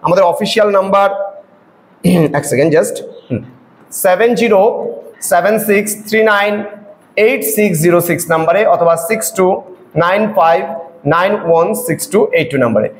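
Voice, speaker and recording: A male teacher giving an online lecture, explaining slowly and repeating examples. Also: high-pitched, echoey room, poor audio.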